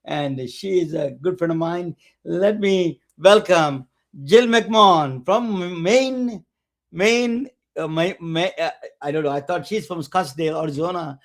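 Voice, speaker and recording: A man hosting a webcast, introducing guests in a halting way with many restarts and fillers. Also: fairly high pitch. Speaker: webcast host. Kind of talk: casual interview introduction.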